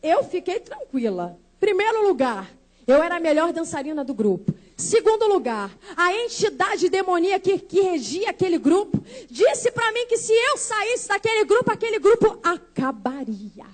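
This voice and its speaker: Very high-voiced woman giving a church testimony. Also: big pitch swings, normal speed. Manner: dramatic storytelling, acting out voices of family. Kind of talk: emotional testimony sermon.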